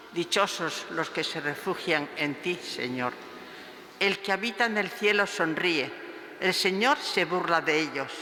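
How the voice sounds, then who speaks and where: Lector, male, high and bright, slow and solemn; long cathedral echo, faint hiss. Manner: measured, declaiming each phrase. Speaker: lector reading scripture and psalm. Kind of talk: slow solemn liturgical reading. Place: large church. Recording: echoey church with long reverb, faint hiss.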